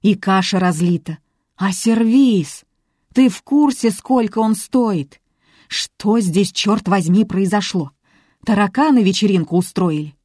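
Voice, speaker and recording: Woman doing a gruff scolding male manager. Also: medium pitch, measured pace, darkish tone, dry recording, studio quality, natural voice. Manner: scolding, blunt.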